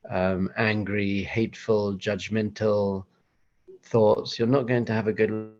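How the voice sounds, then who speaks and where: A rabbi giving a chatty, self-deprecating motivational talk with slides, breaking into acted-out voices. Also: male voice, fairly low pitch, level tone, slow pace, lo-fi sound.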